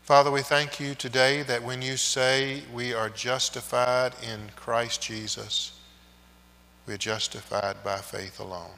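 A pastor leads the congregation in prayer, a man with a bright, forceful tone who speaks very slowly. His measured phrases trail off quietly and ring out in a long cathedral echo. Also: medium pitch, fairly even intonation. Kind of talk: leading liturgy and prayer. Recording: long echoing reverb of a large church.

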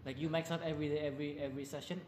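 A man's voice: fairly high pitch, flat delivery, rapid-fire, echoey room, noisy background. A man who works as a strength coach, talking bluntly and animatedly in a casual discussion, mixing in English phrases.

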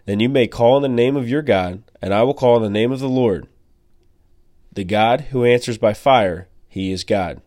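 A man reading the part of a stern, commanding male prophet in a measured, solemn way. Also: mid-range voice, darkish tone, no room sound, studio quality, close to an everyday voice.

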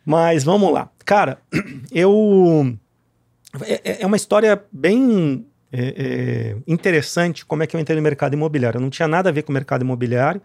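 Speaking a little fast in a fairly high, creaky, darkish voice with lively intonation, a man from Rio Grande do Sul, southern Brazil, recounts his career as a real estate marketing executive in an interview. His casual talk is dotted with tags such as "né, cara". The recording is dry and studio quality.

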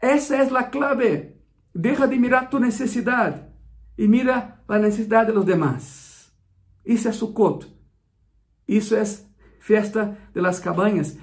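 A man's voice: high-pitched, unhurried, long pauses. A man preaching a sermon, reading Bible verses and explaining them with asides, corrections and frequent rhetorical questions. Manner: expository, asides and self-corrections. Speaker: pastor.

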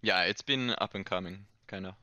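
A man's voice: low voice, normal speed, bright, forceful tone, no room sound, highs cut off. A man chatting casually in a joking, playful way. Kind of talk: casual banter.

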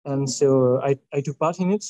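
A man in his twenties with a French accent, answering panel questions haltingly. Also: medium pitch, dark tone, lo-fi sound. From France. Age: 20s. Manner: halting, many filler sounds and restarts. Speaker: youth scout representative. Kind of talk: panel interview.

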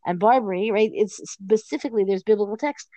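A woman teaching a page of Talmud in a relaxed, conversational way, thinking aloud and often checking in with "right?". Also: mid-range voice, fast talker, dry recording. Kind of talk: informal Talmud lesson.

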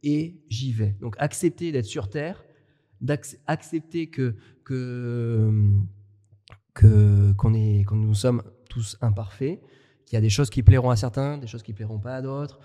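A man from France co-hosting a podcast, talking things through in a halting, reflective way with many restarts. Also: medium pitch, mellow, in a large hall. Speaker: podcast co-host. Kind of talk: casual conversation.

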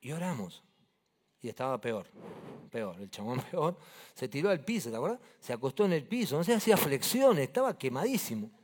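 A male preacher with a Rioplatense Spanish accent and a voice a little higher than most men's. He tells personal stories to a seated congregation in a loose, conversational way and jokes with the people in front of him. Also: sing-song, fast, a little mellow, husky.

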